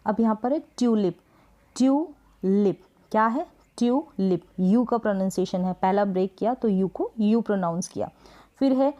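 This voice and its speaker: Mellow-voiced woman teaching spelling. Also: medium pitch. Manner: patient, repetitive, asks and answers own questions; drawn-out word sounding. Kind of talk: Hindi-language spelling lesson.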